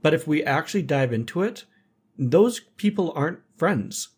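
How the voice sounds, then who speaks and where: A man hosting a podcast who speaks in measured, reflective statements during casual chat. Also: a little high, animated, husky. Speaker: podcast host.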